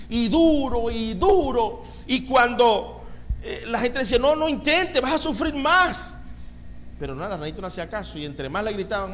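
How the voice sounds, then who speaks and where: A male pastor preaching a sermon with animated delivery and calls of amen, recorded in a church sanctuary. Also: sits high, a little hiss or hum. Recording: reverberant hall with faint ambience.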